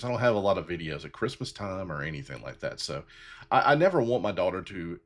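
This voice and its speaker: A man in his fifties hosting his own show, talking sincerely and rambling with many fillers and restarts. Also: sits low. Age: 50s. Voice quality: bald-headed. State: getting emotional. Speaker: podcast host. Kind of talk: heartfelt solo talk.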